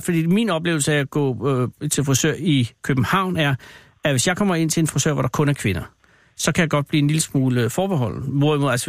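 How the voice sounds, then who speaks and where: This radio host has a voice on the high side, recorded dry with clean studio sound. Interviewing a caller casually in the studio, he hesitates over his questions and slips in teasing remarks.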